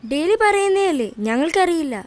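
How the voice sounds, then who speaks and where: A woman's voice: extremely high pitch, animated, brisk, a little mellow. A woman dubbing a chatty, sassy six-year-old girl in a film, with a bossy, whiny manner.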